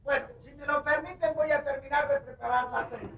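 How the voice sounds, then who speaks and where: An actress speaking film dialogue, telling a playful story to listeners. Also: female voice, high voice, steady tone, brisk, creaky, lo-fi sound. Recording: echoey, distant old film soundtrack.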